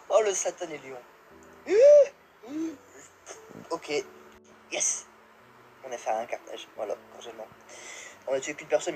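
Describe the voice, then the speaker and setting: Excitable young man yelping over gameplay. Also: a little high, slight background noise, poor audio. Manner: excitable, yelps and laughs, swears, drops English exclamations. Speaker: gamer. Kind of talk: live gameplay commentary.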